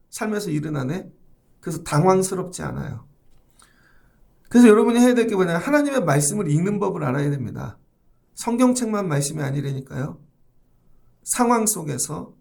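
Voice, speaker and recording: A man's voice: high voice, creaky. A middle-aged man preaching a morning sermon as pastor in a church, talking conversationally and speaking to the congregation directly.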